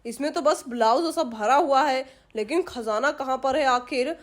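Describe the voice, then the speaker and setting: A woman's voice: high-pitched, moderate pace, voice pushed down, lightly acted. A woman voicing a greedy male village thief who mutters his plans to himself and gloats.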